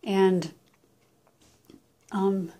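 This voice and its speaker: A woman rambling casually into a camera at home, meandering and self-deprecating with many pauses and ums. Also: mid-range voice, little pitch movement, dark tone. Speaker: vlogger. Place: at home indoors.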